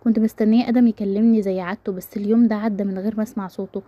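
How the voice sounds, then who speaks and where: A woman with an Egyptian accent reading a romance story aloud in a brisk, steady first-person narration. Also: mid-range voice, dry recording, muffled recording. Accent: Egyptian Arabic.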